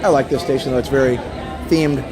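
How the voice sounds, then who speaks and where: Guy livestreaming, casual chat, middling pitch, really loud crowd behind him. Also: steady tone, brisk, rough recording. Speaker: live stream host. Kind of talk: casual chat with live viewers. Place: busy public theme park transit station.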